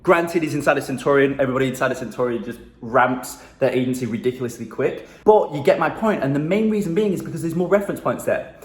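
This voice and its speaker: A man's voice: mid-range voice, quick pace. A man giving casual marketing advice to camera in a phone video, talking loosely with lots of fillers and "right?" tags from a room in his new apartment. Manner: loose and chatty, many fillers like "um", "and whatnot" and "right?". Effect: phone video recording. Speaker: marketing agency coach. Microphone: handheld phone held at arm's length. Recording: echoey room on a phone mic.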